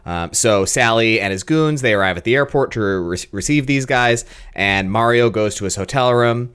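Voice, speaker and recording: A man's voice: lowish voice, normal speed, fairly bright tone, clean tone. A man co-hosting a film podcast, recapping scenes in casual chat with dry exasperation. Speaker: podcast co-host.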